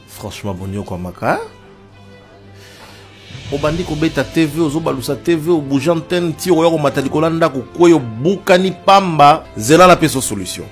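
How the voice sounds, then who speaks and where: A man giving an emphatic, lively sales pitch styled as a news bulletin. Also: moderate pace, soft background music. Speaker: advertisement presenter.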